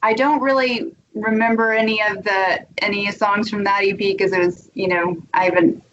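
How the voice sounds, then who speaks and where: A woman talks casually as an interview guest, a singer-songwriter discussing her work. Her voice sits at a middling pitch. The audio is dull and carries noticeable background noise. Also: fairly even intonation, normal speed, fairly bright tone. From Tennessee, United States.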